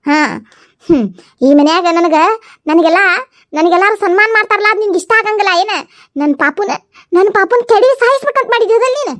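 A woman's voice: sits high, fast, natural voice. A woman voicing an angry young mother who scolds her sister-in-law, with a North Karnataka Kannada accent. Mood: accusing. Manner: scolding, accusing.

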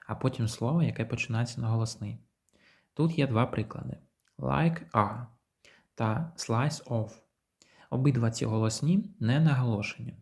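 A man teaching English pronunciation to beginners, explaining patiently and modelling English phrases slowly for repetition. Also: mid-range voice, a little mellow. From Ukraine.

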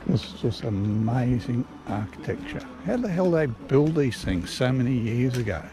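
A man's voice: medium pitch, lively intonation, moderate pace, low-quality recording. Australian man narrating a countryside walk. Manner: chatty, admiring commentary while walking. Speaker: vlog host. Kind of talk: walking vlog commentary. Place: outdoors on village lanes and woodland paths.

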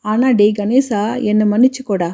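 A woman's voice: medium pitch, fairly even intonation, normal speed, warm tone, natural voice. A woman voicing an elderly widowed grandmother who talks with impassioned, reproachful pleading. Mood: grieving reproach.

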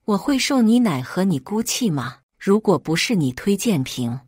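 A woman voicing a shrill, bullying middle-aged mother who scolds and shrieks in a story reading. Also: big pitch swings, moderate pace, a little mellow, slightly rough, no room sound, studio quality. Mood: shrill scolding.

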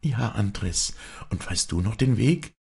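A man's voice: lowish voice, expressive, slow, gravelly, warm tone, slightly rough, voice pushed up, exaggerated voice. A man playing an earnest young village girl.

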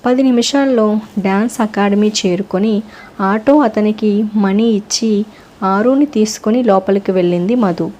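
A woman hosting her channel and reading a serialized story with steady narration. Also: mid-range voice, moderate pace, dull audio.

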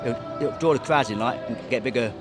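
A man answering casually as a fan in a street interview, quick and agreeable. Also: mid-range voice, over music. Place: outdoors by a stadium. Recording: outdoor street noise.

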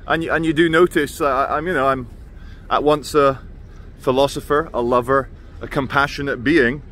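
A man's voice: medium pitch, steady tone, normal speed, fairly bright tone. A man in his thirties or forties giving an intense, rambling opinion monologue to camera, with a slight whistle on his "sh" sounds. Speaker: vlogger. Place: busy open city square outdoors. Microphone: phone at arm's length. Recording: noisy outdoor city ambience with traffic.

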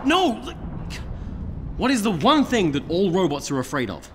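A man's voice: sits high, wildly swooping pitch, moderate pace, noisy background. A British man playing an exasperated, bossy team leader in a comedy sketch.

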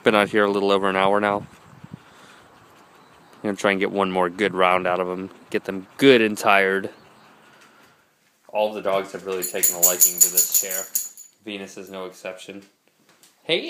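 This dog trainer vlogger, a young man, speaks in a deep voice at a moderate pace with long pauses and a slightly bright tone, over a little hiss or hum. He's shooting a casual vlog on a handheld camera at the gym, the park and home, coaching a frisbee throw and talking to his dogs, recorded through the camera's built-in mic.

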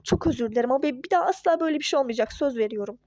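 A woman voicing a young husband and father in a home-made toy-game role-play, who pleads apologies and gushes with excitement. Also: high-pitched, rapid-fire, no room sound, studio quality, voice pushed down. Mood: pleading.

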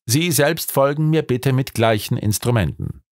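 A man voicing a sharp, energetic detective who talks in a brisk, commanding way. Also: mid-range voice, no echo, clean studio sound, close to an everyday voice. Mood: probing.

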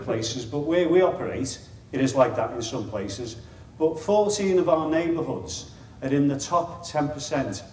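A middle-aged chief executive with a Liverpool accent gives an informal conference presentation to an audience in a meeting room, chatty and wry with self-deprecating asides. His voice is a little high and a little mellow. Recorded on a lapel mic, the sound is reverberant and distant, with slight background noise.

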